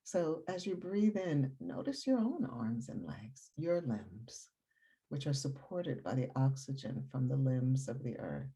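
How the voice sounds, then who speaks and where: Long pauses mark this unhurried guided meditation, led by a woman with a very deep voice. She speaks softly and breathily, in a calm, soothing tone.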